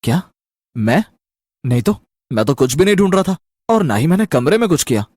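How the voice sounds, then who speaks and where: A woman's voice: low voice, fairly quick, no room sound, clean studio sound, pitched below the performer's own voice. A woman voicing an easygoing, reassuring young husband in a spoken story. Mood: puzzled. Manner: relaxed, reassuring.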